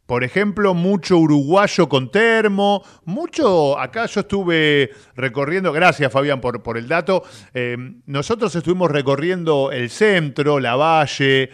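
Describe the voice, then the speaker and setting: A man with a Rioplatense Spanish accent, hosting a radio show in chatty, animated talk full of filler tags. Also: fairly high pitch, measured pace, few pauses. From Argentina. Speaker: radio host. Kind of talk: casual radio chat. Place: radio studio.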